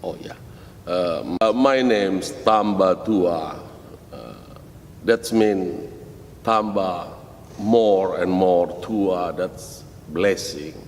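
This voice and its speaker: A middle-aged man with an Indonesian accent who is a missionary pastor, answering interview questions in halting English with many restarts. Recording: roomy hall with faint rumble.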